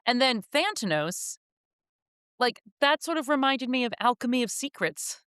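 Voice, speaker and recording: A woman's voice: on the high side, normal speed, clear, resonant tone, no room sound, studio quality. Chatty young woman co-hosting a podcast. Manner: animated, lots of "like" fillers. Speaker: podcast co-host. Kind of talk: casual book chat.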